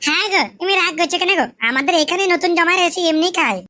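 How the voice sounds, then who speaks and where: A woman's voice: very high voice, very fast, pushed and bright. A woman voicing a young wife in a comic cartoon who pleads with her husband in a placating way. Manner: placating, whiny.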